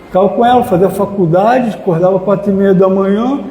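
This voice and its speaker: A man's voice: sits high, brisk, mellow. A man giving an emotional personal testimony in a spiritist lecture, speaking straight to his listeners. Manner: emotional storytelling, addresses audience directly. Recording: echoey hall with long reverb.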